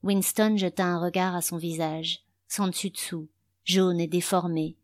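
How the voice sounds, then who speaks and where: A woman reads a novel aloud in a measured, steady audiobook style. Her voice sits a little low for a woman. The recording is dry and close, with no room sound. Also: no echo. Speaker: narrator. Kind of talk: audiobook narration.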